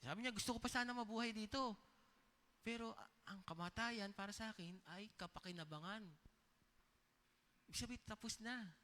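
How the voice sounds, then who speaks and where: Talking a little fast and pausing often, a male pastor with a high, pushed and bright voice preaches a sermon. He tells personal stories conversationally and often poses short questions to the congregation, recorded with the long reverb of a church hall.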